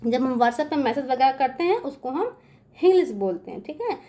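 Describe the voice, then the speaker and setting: This is a woman teaching a beginners' English lesson in a high, light voice. She explains letter sounds step by step and keeps checking that the children are following. When she spells a word, she slows down and draws out each sound. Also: big pitch swings, mellow. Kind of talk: classroom-style lesson explaining phonics rules.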